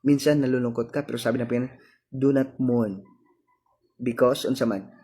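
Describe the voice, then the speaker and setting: A man's voice: medium pitch, fairly even intonation, moderate pace, warm tone, slightly rough. A man with a Cebuano accent preaching a sermon, mixing languages, repeating his lines and checking on listeners with "hello?".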